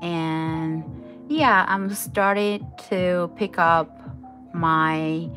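A native Chinese speaker from Taiwan with a Taiwanese accent hosts a casual live crochet tutorial, giving informal step-by-step instructions as a craft tutorial host. Her voice is fairly low in pitch yet fairly bright in tone, with drawn-out words and faint music behind.

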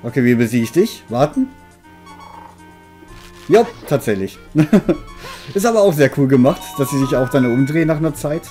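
A man's voice: on the high side, expressive, normal speed, pauses often, warm tone. A man giving casual game commentary as a let's player, with a dry, mildly grumbling manner. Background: game music.

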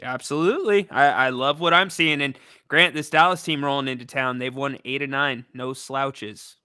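A young man co-hosting a postgame basketball talk show from a small studio, upbeat and quick to ask questions. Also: mid-range voice, sharp tone, clean tone, no room sound. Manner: upbeat, asks questions, agrees readily. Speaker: co-host.

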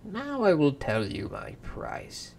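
A man voicing a sly little male imp who bargains, speaking slowly and teasingly in a bedtime story. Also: a little high, huge pitch swings, gravelly, a little hiss or hum, pitched above the performer's own voice, full character voice.

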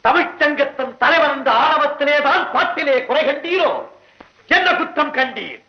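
A haughty, commanding divine poet. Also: male voice, very high-pitched, normal speed. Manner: commanding, lofty, formal. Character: haughty male god disguised as a poet. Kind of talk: 1960s Tamil film drama. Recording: muffled 1960s film soundtrack.

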